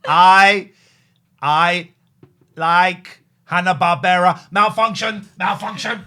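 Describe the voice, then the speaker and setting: A man voicing a glitching male robot caller. He speaks in slow, loud, clipped phrases and repeats himself as if malfunctioning. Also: sits high, fairly even intonation, full character voice. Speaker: podcast co-host.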